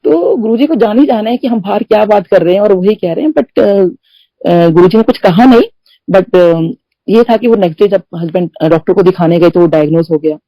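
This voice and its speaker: A woman's voice: medium pitch, brisk, no echo, muffled recording. Chatty middle-aged woman, devotional talk. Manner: chatty, mixes English phrases into Hindi. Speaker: devotee sharing experiences. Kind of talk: spoken testimony in a satsang.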